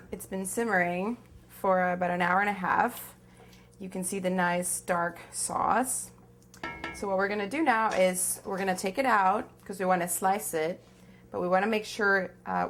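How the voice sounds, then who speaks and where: A woman in her thirties with a Venezuelan accent talks through a recipe step by step in an informal way. Her voice is mid-pitched with plenty of vocal fry. She is recorded in a kitchen, with some noticeable background noise. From Caracas, Venezuela. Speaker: cooking demonstrator. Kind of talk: informal step-by-step cooking instruction. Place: small home kitchen, indoors.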